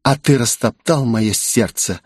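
A man's voice: mid-range voice, a little slow, a little mellow, breathy edge, no echo, clean studio sound. A man voicing a sweet young female pop idol who turns into an obsessive killer, sing-song and repetitive. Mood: doting.

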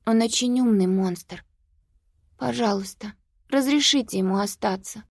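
A woman reading an audiobook, voicing a young girl who begs and pleads in a high, insistent voice. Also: measured pace, dry recording, studio quality. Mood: pleading.

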